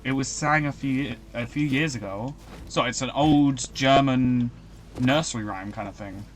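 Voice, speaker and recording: A young man chatting casually as he streams a video game, rambling and breaking into excited outbursts. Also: mid-range voice, unhurried, soft background music. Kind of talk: casual live-stream commentary.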